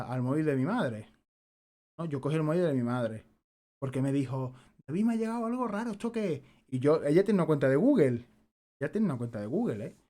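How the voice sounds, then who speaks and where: Rambling young Spanish gaming streamer. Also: male voice, a little high, a little mellow. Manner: rambling anecdotes, repeats himself, swears casually. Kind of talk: casual chat while playing.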